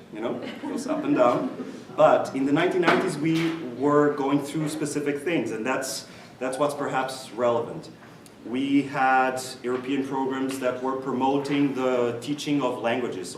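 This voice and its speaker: A man's voice: mid-range voice, recorded from a distance, a little hiss or hum. Reflective man speaking from across an echoey room. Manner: reflective, self-deprecating humor. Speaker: interview guest. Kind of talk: conversational interview answers.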